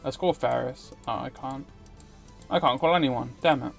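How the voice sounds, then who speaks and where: Game music runs under a man's gravelly, medium-pitched voice as he streams a visual novel at normal speed. He performs the text theatrically and tosses in offhand comments.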